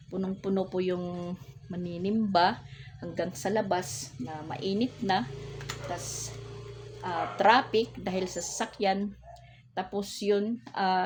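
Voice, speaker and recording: A woman's voice: mid-range voice, slight background noise. A middle-aged woman, telling a story to her vlog viewers in a polite, chatty way. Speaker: vlog host.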